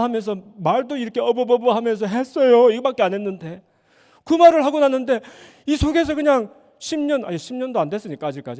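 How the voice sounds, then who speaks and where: Animated storytelling pastor, high lively voice. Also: male voice. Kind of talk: sermon with storytelling. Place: church sanctuary. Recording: church hall reverb.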